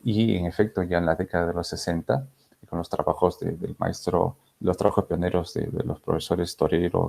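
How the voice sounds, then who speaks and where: A man's voice: low voice, creaky, mellow, breathy edge. A male researcher giving an academic conference talk, hesitant, with many fillers and restarts. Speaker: linguistics researcher presenting a conference paper.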